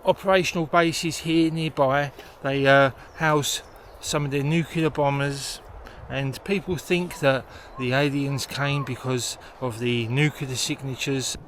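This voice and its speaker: A man's voice: mid-range voice, steady tone, unhurried, hardly any pauses, a bit bright. A man hosting a vlog and explaining things as he goes, recorded outdoors in a forest. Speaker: host. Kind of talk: explanatory vlog narration on location. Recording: noisy outdoor location sound.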